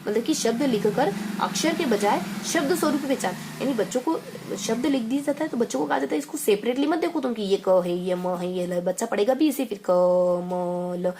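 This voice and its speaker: A woman teaching an exam-prep lesson in a chatty way, repeating phrases and throwing in quick asides. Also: on the high side, a little mellow, slight background noise.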